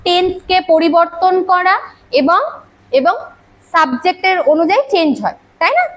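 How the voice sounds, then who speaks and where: A woman with a strikingly high, fairly bright voice gives a grammar lecture in a classroom full of students, and the audio is poor. She fires rapid rhetorical questions at her pupils and scolds them for chatting, staying brisk and teacherly throughout.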